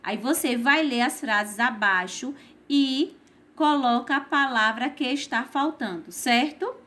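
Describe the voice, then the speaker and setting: A woman with a Brazilian Portuguese accent teaching a primary school class, explaining each exercise slowly and patiently and checking in with "certo?" after her points. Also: high-pitched, fairly bright tone. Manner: slow, patient, tags lines with "certo?". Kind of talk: recorded remote class lesson.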